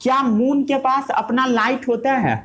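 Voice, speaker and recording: A man's voice: very high voice, fairly even intonation, measured pace, a bit bright. A male teacher giving a classroom science lesson. He asks rhetorical questions, answers them himself, and mixes English terms into his Hindi.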